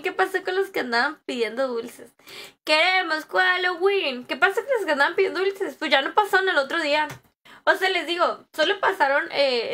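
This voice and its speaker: A woman's voice: high-pitched, bright, forceful tone. A young woman, chatting casually on a game stream, joking and greeting viewers as she reads their messages. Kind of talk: casual live-stream chat.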